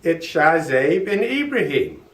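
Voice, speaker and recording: A warm, excitable old grandpa from a storybook as a man reads him. He speaks heartily and simply in a slightly high voice, off the mic in an echoey room. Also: measured pace, full character voice. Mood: glad, welcoming. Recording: roomy echo, distant from mic.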